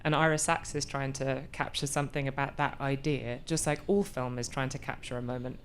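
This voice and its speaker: A woman's voice: a bass voice, fairly even intonation, fairly quick, a little hiss or hum. A woman in her forties being interviewed about her acting work, thoughtful and often restarting as she searches for words. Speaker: actor, interview guest. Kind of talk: conversational interview.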